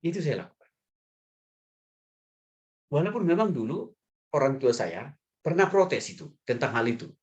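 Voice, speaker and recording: A male pastor giving a sermon in a lively, humorous way, chuckling often and addressing the men in the congregation directly. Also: a little high, normal speed, long pauses, muffled recording.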